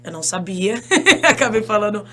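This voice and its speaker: A woman with a Brazilian Portuguese accent, an English teacher telling stories as a podcast guest in an animated, chatty way. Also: medium pitch, normal speed, faint music behind. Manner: animated, chatty, laughs often, addresses listeners as "gente". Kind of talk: casual interview storytelling.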